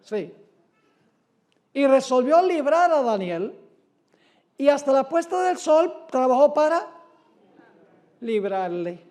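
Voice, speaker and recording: A man preaching a sermon who reads scripture aloud with dramatic, drawn-out emphasis and asks his listeners rhetorical questions. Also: extremely high pitch, sing-song, a little mellow.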